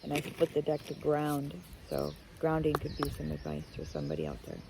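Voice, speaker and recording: A woman's voice: low-pitched, big pitch swings, brisk, vocal fry, background noise. A woman giving a casual, heartfelt tarot card reading, rambling and emotional as she talks to viewers. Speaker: tarot reader.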